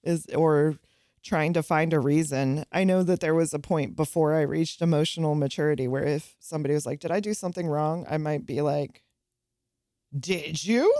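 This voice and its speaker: A woman with a fairly low voice talks in a relaxed, candid way, laughing often and swearing freely. Her voice sounds close and dry. She is co-hosting a casual podcast. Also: a little fast, no echo. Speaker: podcast co-host. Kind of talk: casual chat.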